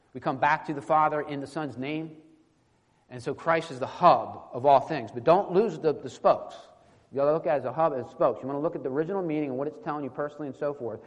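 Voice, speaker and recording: A fairly high-pitched man preaches an informal, teaching-style sermon, speaking haltingly and conversationally and often checking in with short tag questions. The hall is echoey with long reverb.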